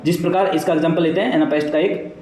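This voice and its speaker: A man's voice: on the high side, fairly even intonation, fast, darkish tone, roomy sound, slight background noise, low-quality recording. A male teacher giving a classroom lecture, explaining step by step, asking and then answering his own questions, mixing English terms into his Hindi.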